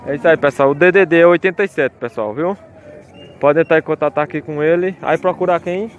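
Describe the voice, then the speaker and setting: This man's voice is a little high and brisk, the recording muffled with faint music behind it. Touring a cattle fair's outdoor pens, he films on his phone and keeps up a casual, repetitive walkaround chat, repeatedly calling out to his viewers amid the market's crowd chatter.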